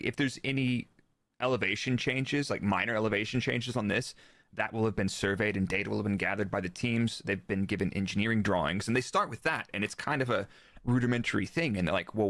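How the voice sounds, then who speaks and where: This man, a guest expert who used to be a Formula 1 performance engineer, breaks down motorsport technicalities in a live interview, keeping it informal and explanatory and quoting remarks to make his points. His voice is lowish and a bit bright, recorded dry.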